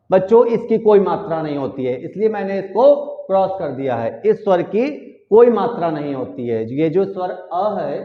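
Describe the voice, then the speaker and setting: A man teaching a children's language lesson, asking questions and repeating the answers in a patient, drilling manner. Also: high voice. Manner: repeats and quizzes the listener with questions. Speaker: Hindi teacher. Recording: echoey room, tinny phone-like sound.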